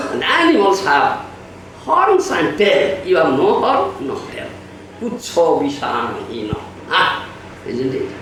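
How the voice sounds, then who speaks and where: A man giving a sermon as a spiritual teacher, animated, keeps asking "huh?" and acting out quotes. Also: on the high side, far from the mic. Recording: echoey room, voice from afar, faint hiss.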